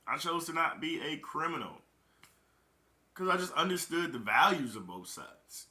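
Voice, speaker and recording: A young man gives a loose motivational talk in a casual, emphatic way, hammering his points home by repeating them. His voice is fairly high and very bright. It rings with the echo of a roomy space. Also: sing-song, moderate pace. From Chicago, Illinois. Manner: emphatic, repeats key phrases. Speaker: network marketing recruiter.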